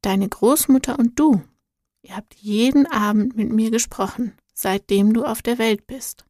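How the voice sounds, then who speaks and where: A woman voicing a gentle, kind male guardian angel, speaking calmly and softly. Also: on the high side, a little slow, no echo, studio quality. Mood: gentle, reassuring. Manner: calm, soft and reassuring.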